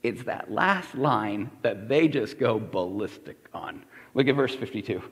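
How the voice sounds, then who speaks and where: A man's voice: on the low side, lively intonation, measured pace. A man preaching a sermon as pastor, acting out the crowd and Jesus in quoted voices. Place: church sanctuary. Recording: reverberant church hall.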